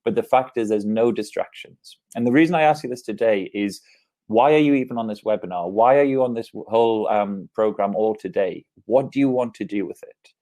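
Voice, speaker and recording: An upbeat Englishman in his thirties presents a conference keynote from an office, speaking into an earphone mic on a video call. His voice sits on the low side, with a soft, mellow tone. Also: fairly quick. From England. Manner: upbeat, gestures with his hands as he talks. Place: office, indoors.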